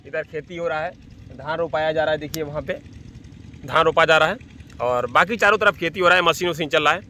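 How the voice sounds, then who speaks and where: A vlogger with a higher-pitched, brisk, bright and forceful voice films himself outdoors on a phone held at arm's length, in an open-sided thatched hut beside farm fields. He gives emphatic, casual commentary, repeats his phrases and calls his listeners "brother," with slight background noise behind him.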